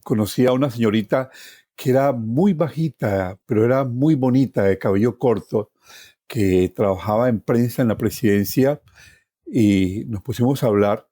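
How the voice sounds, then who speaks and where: A middle-aged Colombian journalist, appearing as a podcast guest, reflectively tells his life story in a lowish voice, repeating words for emphasis and ending phrases with little tag questions. The sound is clean studio quality with no echo, and soft plucked guitar music plays behind him.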